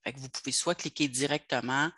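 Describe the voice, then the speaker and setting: A workshop leader with a Québécois French accent talks through an online session in a chatty, step-by-step way. The voice is bright and forceful, at a middle pitch. The video-call audio is very dry, with no room sound. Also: a little fast, breathy edge, no echo.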